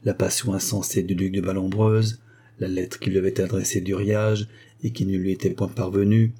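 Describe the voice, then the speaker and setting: A man narrates a classic novel as an audiobook, in a measured and expressive way. His voice is low and mellow, with a husky edge.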